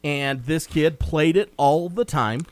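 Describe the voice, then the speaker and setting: A man's voice: a little high, slow, no echo. A man co-hosting a casual film review chat, recapping the plot in a meandering, talkative way. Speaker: movie review co-host.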